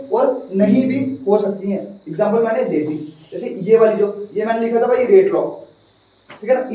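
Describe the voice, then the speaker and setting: A man's voice: sits high, dark tone. A male teacher with an Indian accent lecturing a class, dictating notes with repeated phrases and questions to students. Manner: dictating slowly, word by word, repeating phrases for note-taking. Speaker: chemistry teacher. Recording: echoey room, distant muffled microphone.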